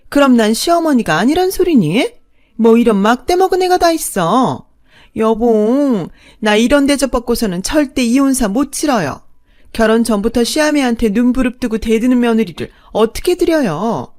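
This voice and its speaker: A woman voicing a snobbish, scheming stepmother-in-law who talks in a shrill, condescending way. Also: animated, normal speed, darkish tone, dry recording, studio quality, lightly acted. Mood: indignant.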